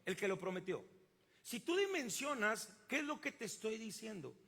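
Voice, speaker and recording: A man's voice: high-pitched, sing-song, moderate pace, vocal fry, fairly bright tone, husky, big-room sound. A man with a Mexican accent preaching a sermon, emphatic and drawing the congregation in with call-and-response questions. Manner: emphatic, asks the congregation to fill in words. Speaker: pastor.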